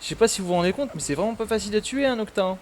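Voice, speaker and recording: A man's voice: high-pitched, lively intonation, rapid-fire, slight background noise. A man chatting casually on a gaming stream, rambling with lots of fillers.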